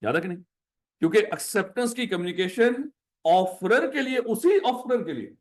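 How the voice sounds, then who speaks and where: A high-voiced man with a Pakistani Urdu accent lectures a class, repeating each question to drill it in and calling his students "my child."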